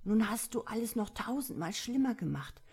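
A woman's voice: a little high, animated, moderate pace, darkish tone, husky, voice pushed up, full character voice. A woman reading the lines of a fretful old mountain lord from a fairy tale, lamenting and whining.

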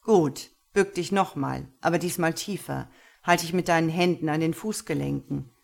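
A woman's voice: deep voice, normal speed, gravelly. A woman reading an audiobook, voicing a stern, dominant man who barks orders and mocks harshly. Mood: commanding. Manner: barked orders, harsh and mocking. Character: stern commanding male master, cold and dominant.

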